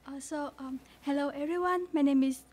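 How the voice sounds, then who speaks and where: A woman's voice: high-pitched, steady tone, normal speed, a little mellow. A young woman from Vietnam, a university junior presenting a case study, careful and hesitant with fillers. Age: young adult. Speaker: student presenter.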